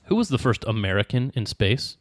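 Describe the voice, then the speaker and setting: A man's voice: fairly low pitch, very animated, a little fast, no room sound. A man hosting a casual podcast pub quiz, reading out questions and answers with playful, dry jokes. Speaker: quiz host.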